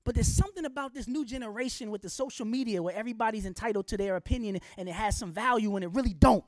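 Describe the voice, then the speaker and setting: A woman's voice: a little high, racing, no room sound, studio quality. A middle-aged woman giving an impassioned public lecture, blunt and colloquial, firing off rhetorical questions in a preachy, fiery way.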